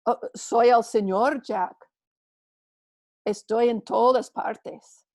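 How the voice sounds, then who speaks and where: A woman voicing a calm, patient God. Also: a little high, no room sound, clean studio sound, heavily acted. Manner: calm, slow, reassuring.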